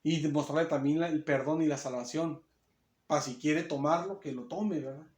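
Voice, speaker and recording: A man's voice: on the high side, moderate pace, darkish tone. A man preaching a sermon, emphatic and given to restarts, recorded in a church hall. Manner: emphatic, acts out quotes, many restarts. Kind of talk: sermon Bible teaching. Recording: roomy echo.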